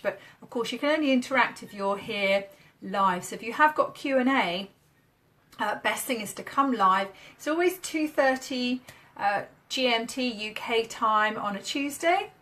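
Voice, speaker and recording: A woman's voice: on the high side, normal speed, sharp tone. A woman from the UK, a marketing coach, chatting upbeat and casual on a live stream while demoing on screen. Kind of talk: casual Facebook Live chat.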